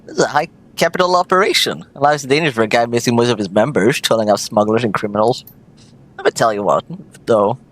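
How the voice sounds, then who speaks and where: A man's voice: mid-range voice, fast talker, natural voice. A man doing a crude, jolly hungover cyborg. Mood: boisterous.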